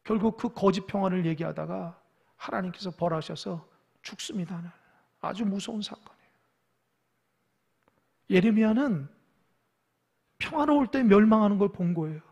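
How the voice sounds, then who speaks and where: A male pastor preaching a sermon with dramatic delivery, acting out quoted dialogue and swinging between loud pleading and hushed whispers. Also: high voice, normal speed, gravelly, long pauses, husky, dull audio. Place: church sanctuary.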